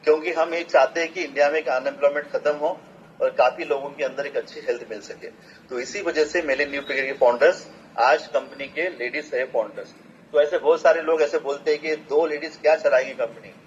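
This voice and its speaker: Male presenter, persuasive pitch-meeting delivery, dull lo-fi recording. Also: a little fast, slight background noise. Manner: rallies the audience with rhetorical questions. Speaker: business presenter. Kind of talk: motivational sales presentation. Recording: dull lo-fi sound with faint ambience.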